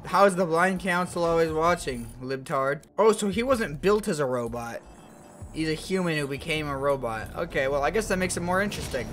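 A man doing let's play commentary, loud and brash with profane trash talk at the enemies. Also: on the high side, animated, fairly quick. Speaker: gamer. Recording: commentary over game music.

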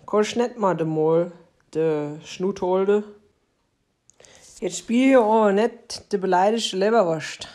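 A woman's voice: medium pitch, slow pace, a little mellow. A woman with a Hessian accent reading colloquial, scolding example sentences.

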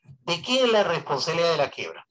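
Speaking through a voice amplifier in poor audio, a man runs an online economics class, peppering his students with rhetorical questions and repeating his points to stress them. His voice sits on the high side and is a bit bright, moving a little fast with wildly swooping pitch.

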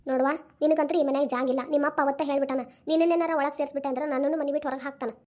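A woman's voice: high voice, steady tone, racing, a little mellow, natural voice. A woman voicing a stern, unforgiving old village mother in a cartoon, scolding with a North Karnataka accent. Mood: bitter. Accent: North Karnataka Kannada. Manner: scolding, lecturing. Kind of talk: cartoon voice acting.

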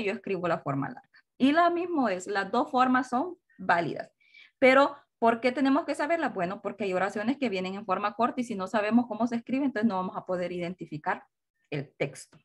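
A woman teaching English to secondary school pupils. She explains patiently, switches between two languages and repeats each pronunciation again and again. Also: fairly high pitch. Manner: slow, repetitive drilling of pronunciation. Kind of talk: recorded classroom lesson.

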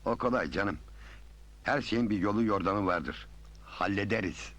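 An actor playing a scheming village landowner who speaks smugly and confidently, in a 1980s film. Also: male voice, on the low side, unhurried, a bit bright. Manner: smug, confident. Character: scheming village agha, smug, self-assured. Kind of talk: 1980s film drama acting.

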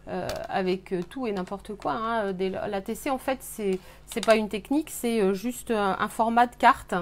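A woman hosting a live scrapbooking workshop, explaining techniques with many pauses and fillers. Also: mid-range voice. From France. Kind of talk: live craft demonstration. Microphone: webcam on a live stream.

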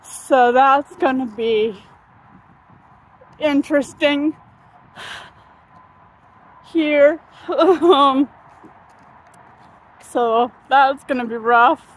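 A woman's voice: high-pitched, very slow, pauses often, rough recording. A woman in her thirties chatting casually while walking outdoors in a sunny park, filming on a phone at arm's length, rambling with many ums and uhs and fighting hiccups. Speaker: vlogger. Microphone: phone held at arm's length.

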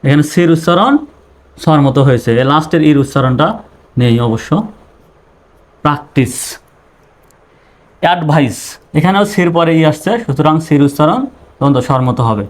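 A man's voice: a little high, normal speed, pauses often. Patient man teaching English spelling. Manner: patient, repeats rules and spells letters aloud. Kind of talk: spoken spelling lesson.

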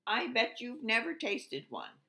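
A woman's voice: fairly high pitch, wildly swooping pitch, unhurried, gravelly, pushed and bright, voice pushed up, heavily acted, poor audio. A woman voicing an eager young boy adventurer in a children's storybook.

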